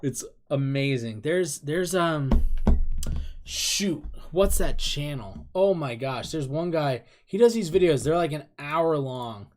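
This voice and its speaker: A man's voice: fairly high pitch, lively intonation, slow. A man in his thirties chatting casually through a reaction video, rambling and self-deprecating, breaking into laughs. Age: 30s. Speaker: K-pop reaction YouTuber.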